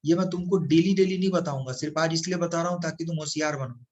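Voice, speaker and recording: A man's voice: on the high side, fast talker, a little mellow, highs cut off. Man teaching maths, quizzing students. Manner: asks students questions and answers them himself; calls the listener "beta", coaxing. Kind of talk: blackboard maths lesson.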